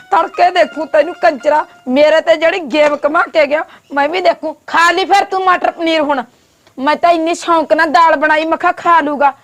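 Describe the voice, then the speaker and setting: A woman scolds and protests in fast bursts. Her voice is high, with faint music behind it. She is acting in a comedy short film.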